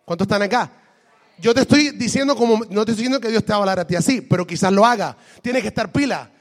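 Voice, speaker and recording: A man preaching a sermon, lively, switching between Spanish and English and asking the congregation questions. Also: high voice, quick pace, long reverb tail. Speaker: pastor.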